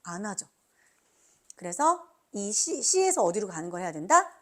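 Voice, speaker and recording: Female seminar trainer: urging motivational delivery, highly animated swings in pitch, punchy questions to the audience. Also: unhurried. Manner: emphatic, urging, asks the listeners frequent rhetorical questions; acts out quoted remarks. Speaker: motivational speaker training business team members. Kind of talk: motivational business seminar talk.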